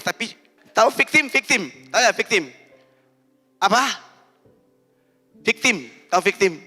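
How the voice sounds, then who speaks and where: A man preaches to young people in a lively, teasing way, tossing questions at the congregation and prompting them to answer. His voice sits high and sounds bright and forceful. It rings with the long reverb of a church hall, and faint music plays underneath. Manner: animated, teasing, quizzes the congregation. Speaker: pastor. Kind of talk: lively youth sermon with call-and-response.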